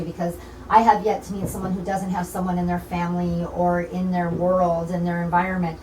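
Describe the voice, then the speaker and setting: An American woman, a community organizer, talks informally as a guest in a radio interview, earnest and rambling and often repeating her phrases. Her voice is lowish with a darkish tone, and the distant mic in an echoey indoor broadcasting room gives a roomy sound with faint noise.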